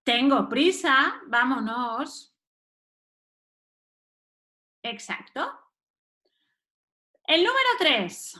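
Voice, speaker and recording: Brief: female course instructor, high, animated pitch, coaxes the group along. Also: very slow, long pauses. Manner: reads phrases and rephrases them, coaxing participants. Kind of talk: live webinar teaching.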